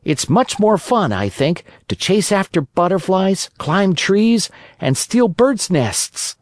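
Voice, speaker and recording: Narrator putting on a bratty puppet boy, high and sassy, lots of swing. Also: big pitch swings, slow, dry recording. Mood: cheeky defiant. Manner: cheeky, impatient. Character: defiant wooden marionette boy, impudent and quick-tempered.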